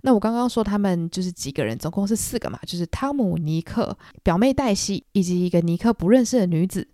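Young woman retelling a novel on her podcast, chatty, mellow voice, dry close mic. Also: mid-range voice, lively intonation, fast talker, no room sound. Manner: chatty, acts out quotes. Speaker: podcast host. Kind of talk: casual book club retelling.

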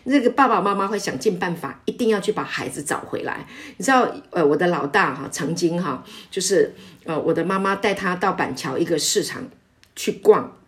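Woman pastor, middle-aged, lowish voice, emphatic sermon delivery with many fillers. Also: expressive, fairly quick. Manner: warm, emphatic preaching with frequent filler sounds.

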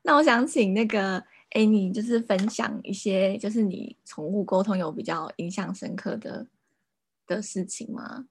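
A woman hosting a podcast, asking questions in a relaxed, chatty way. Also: mid-range voice, moderate pace, gravelly, breathy edge. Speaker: podcast host. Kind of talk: casual chat.

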